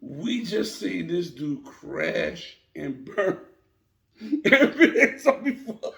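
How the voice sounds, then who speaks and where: A man tells a story in a casual, animated way and keeps repeating himself. His voice sits high with a gravelly edge, and he takes his time. The room sounds echoey. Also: slow.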